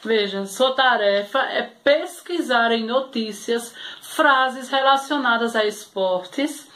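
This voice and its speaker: A woman's voice: a little high, takes it slowly, fairly bright tone. A woman teacher with a Brazilian Portuguese accent giving a televised class to young pupils, patient and repetitive, often checking in with the class. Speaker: primary school teacher.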